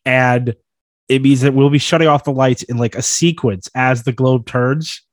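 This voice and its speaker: A man's voice: mid-range voice, fairly even intonation, moderate pace, no echo. A man from the New York City area co-hosting a podcast, riffing playfully in casual chat. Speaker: podcast co-host.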